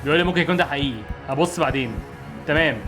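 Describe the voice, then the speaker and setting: Fast-talking Egyptian gamer, excitable. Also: male voice, fairly high pitch, music in the background. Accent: Egyptian Arabic. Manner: excitable, jokey, easily startled. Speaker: streamer. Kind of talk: gameplay commentary.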